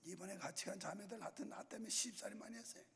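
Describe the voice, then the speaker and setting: A pastor in his sixties preaches in a church sanctuary, telling stories in a casual, colloquial style broken by scolding outbursts. His high voice is gravelly, fairly bright and breathy, and he talks very fast. Long church reverb fills the recording.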